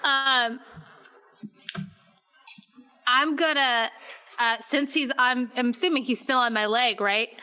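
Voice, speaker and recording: A woman's voice: high-pitched, steady tone, slow, pauses often, sharp tone, clear, resonant tone. A woman playing in a tabletop game, chatty and a little unsure, often asking about the rules. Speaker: player. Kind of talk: casual tabletop play.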